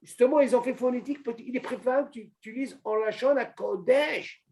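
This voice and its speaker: A man teaching an informal religious lesson to a small group, animated, asking questions and calling on a student by name. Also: extremely high pitch, a little fast, a little hiss or hum. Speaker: Torah teacher.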